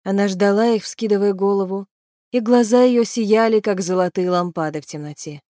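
A woman narrating an audiobook in an even, measured storytelling voice. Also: mid-range voice, no room sound, clean studio sound. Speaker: audiobook reader.

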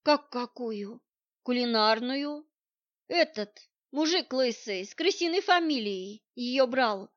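A fussy small-town librarian, voiced by a woman reading a storybook, nags and pleads in a fairly high voice. The sound is dull and lo-fi. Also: expressive, takes it slowly, dry recording. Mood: nagging. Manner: pleading, nagging.

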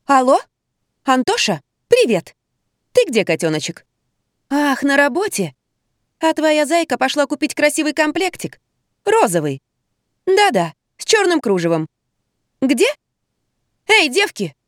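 A jealous young mother scolds in a high, shrill voice, as a woman reader puts her on. She is loud and curt, and the read is dry and close to the mic. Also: big pitch swings, unhurried, pauses often, dry recording.

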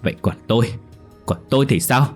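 A man's voice: mid-range voice, animated, a little fast, breathy edge, soft background music, voice pushed up. A man voicing a cruel, sneering older wife. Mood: bitter.

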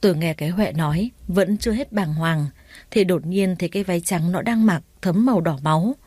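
A woman reading a first-person story aloud in a steady storytelling voice. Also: on the low side, brisk, dry recording. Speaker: narrator. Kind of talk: audiobook story narration.

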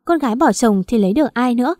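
A woman's voice: on the high side, lively intonation, fast, dark tone, dry recording, clean studio sound, lightly acted. A woman voicing a worried older village mother who scolds and pleads with her daughter. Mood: anxious.

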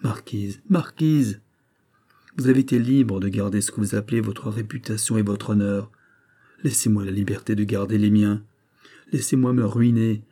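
A male reader playing a tormented nobleman who implores and protests in a dark, mellow voice. A husky grain runs through his storybook delivery. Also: on the low side, fairly even intonation, moderate pace, natural voice. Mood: anguished. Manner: anguished, imploring. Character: anguished nobleman, a proud minister. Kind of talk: audiobook reading of a classic novel.

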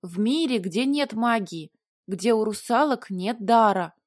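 A flustered young heroine chatters in a high, squeaky, whiny voice, put on by a woman reading the audiobook. The voice is close and dry. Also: measured pace, dry recording. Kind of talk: audiobook character voice.

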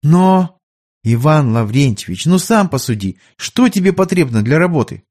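A man's voice: a little high, sing-song, normal speed, a little mellow. A man voicing a young, hot-tempered emperor who speaks in a brusque, commanding way, in an audiobook.

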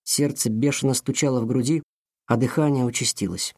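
A man narrating a romance novel aloud in an expressive storytelling manner. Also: mid-range voice, fairly quick, husky. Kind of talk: audiobook narration.

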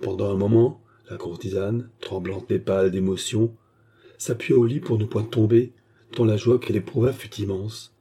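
Dark, husky male audiobook narrator. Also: lowish voice, moderate pace. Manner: steady literary reading that shifts voice for each character. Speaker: audiobook reader. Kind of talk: scripted narration.

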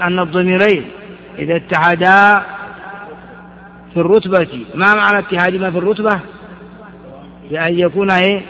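A man's voice: high voice, pushed and bright. A man teaching a grammar lesson, explaining verses and quizzing his students with short questions. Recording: dull lo-fi lecture recording.

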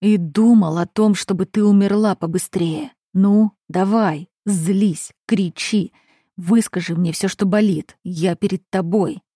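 A woman's voice: medium pitch, fairly even intonation, measured pace, warm tone, dry recording, clean studio sound, lightly acted. A woman reading as a cold, commanding dragon duke. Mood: brooding.

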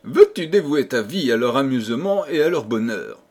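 A man reading a storybook aloud, voicing a gentle, kindly female fairy queen who speaks softly and tenderly. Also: mid-range voice, lively intonation, moderate pace, close to an everyday voice. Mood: tender, coaxing. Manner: soft, tender, coaxing.

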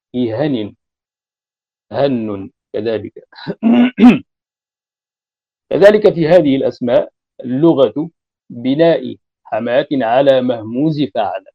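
A man teaching a grammar lesson, explaining each point deliberately with frequent drawn-out fillers, on a dull lo-fi recording. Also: mid-range voice, vocal fry. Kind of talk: explaining Arabic grammar in a lecture.

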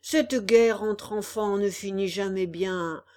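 Hoarse giant crab, stern, slow scolding, woman narrator doing the voice. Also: medium pitch, steady tone, warm tone, voice pushed down, close to an everyday voice. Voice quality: hoarse, croaky like a cold trombone.

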